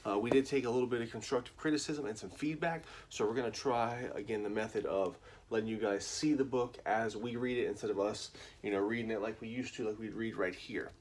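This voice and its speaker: A man in his thirties with a fairly low voice talks a little fast while hosting a bedtime story livestream. He starts with a relaxed, rambling chat full of fillers, then reads aloud.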